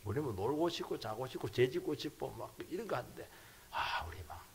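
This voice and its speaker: A middle-aged man, a pastor, preaching a sermon emphatically, his voice jumping from loud bursts down to near whispers. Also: mid-range voice, expressive, quick pace, vocal fry, a little hiss or hum.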